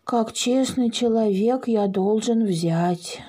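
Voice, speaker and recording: A woman voicing an earnest little male dragon who speaks slowly and solemnly. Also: a little high, dark tone. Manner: slow, solemn, deliberate speech. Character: small earnest green young dragon, male.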